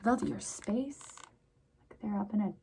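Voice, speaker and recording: At a children's story time, a woman reads aloud and talks with young listeners in an exaggerated, sing-song, encouraging way. Her pitch is medium and her pace a touch slow. Background noise is clearly audible.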